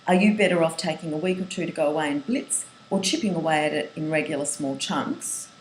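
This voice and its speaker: A middle-aged writing coach with a low-pitched voice gives a brisk, earnest webinar lesson, listing points and sometimes restarting her phrases. The audio has a roomy echo and a faint hiss.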